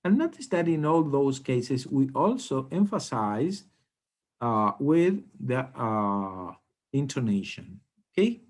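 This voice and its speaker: Guy teaching english grammar, slow and careful, voice swings up and down a lot, keeps asking okay?. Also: medium pitch, big pitch swings, a little mellow. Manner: slow and deliberate, often checks in with "okay?". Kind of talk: grammar lesson explanation.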